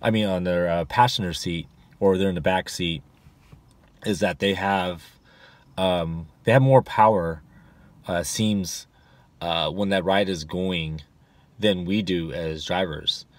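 Low-voiced man talking in his car. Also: slow pace, no echo. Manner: rambling, full of fillers and restarts. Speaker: rideshare driver vlogger. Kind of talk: casual advice talk to camera. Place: inside a parked car. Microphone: camera on the dashboard.

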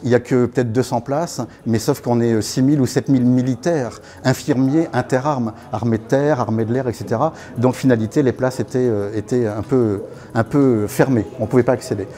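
A little fast and fairly even in intonation, the man's dark, mid-range voice carries his life story at a networking evening, where he is the guest speaker. In his fifties, he was born in Congo and raised in Africa by French parents. He speaks casually and anecdotally with lots of fillers and restarts, recorded from afar by a camera in a small meeting room.

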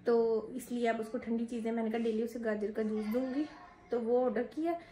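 A woman's voice: a little high, steady tone, fairly quick, warm tone, low-quality recording. A woman in her thirties with a Punjabi accent, chatting casually to camera at home while talking with her kids. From Pakistan. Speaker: vlogger mother. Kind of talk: casual home vlog chat. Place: home bedroom.

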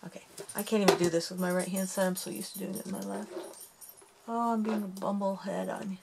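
A woman's voice: medium pitch, flat delivery, fairly quick, creaky, background noise. A woman hosting a casual craft tutorial, chatty and self-deprecating as she talks through each step while working with her hands.

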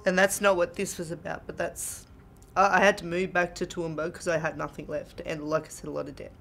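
An Australian woman speaking in an interview with a gravelly, creaky edge to her voice. She is reflective and quietly candid, with faint music playing under her. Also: on the low side, flat delivery, brisk. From Queensland, Australia. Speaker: interviewee, single mum and rig worker. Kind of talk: interview testimony. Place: studio backdrop.

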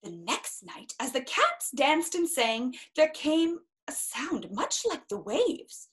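Reading aloud for kids, this storyteller has a really high, swoopy voice and a dramatic, theatrical style, stretching words and exclaiming expressively. She chats between lines of the picture book. The setting is a small room indoors, where she sits in an armchair.

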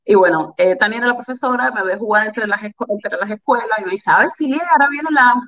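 A woman with a Cuban Spanish accent, a volleyball player telling her life story as an interview guest, candid and animated, repeating phrases for emphasis. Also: fairly high pitch, fast talker, highs cut off. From Cuba.

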